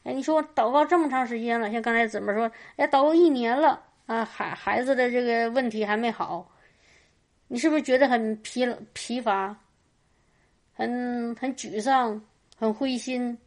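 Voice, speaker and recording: A woman's voice: a little high, moderate pace. A woman preaching at a church meeting in a fervent testimony style, often crying out hallelujah and stumbling over repeated words. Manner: stammers and repeats words while talking.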